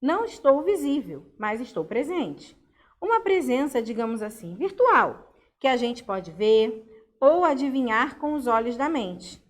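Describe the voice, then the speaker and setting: A woman's voice: sits high, sing-song, unhurried. A woman teacher, patiently explaining a grammar lesson step by step and checking in with her students. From Brazil. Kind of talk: online class lesson.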